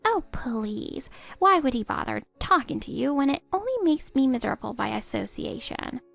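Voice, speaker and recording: A woman's voice: high voice, animated, normal speed, vocal fry, fairly bright tone, faint music behind, heavily acted. A woman voicing a spiteful stepdaughter in her twenties who sneers and cuts down her stepmother. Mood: scornful. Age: 20s. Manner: sneering, cutting, contemptuous. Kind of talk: text-story voice acting.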